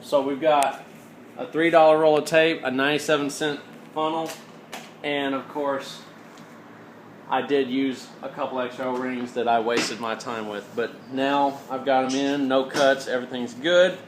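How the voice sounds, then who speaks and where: Speaking in a steady, mid-range voice at a moderate pace, a man gives an informal mechanical tutorial, taking it one step at a time in plain language. The recording carries a roomy echo along with clear background noise.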